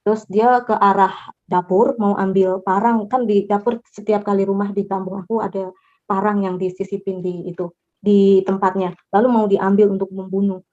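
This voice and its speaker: A woman from Java earnestly telling her personal faith testimony in an animated way. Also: mid-range voice, normal speed. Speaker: testimony speaker. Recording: dull lo-fi recording.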